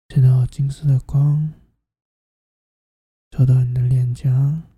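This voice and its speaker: A host narrating a guided sleep meditation like a sleep story narrator, in a soft, soothing, half-whispered delivery. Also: mid-range voice, flat delivery, takes it slowly, husky, dry recording.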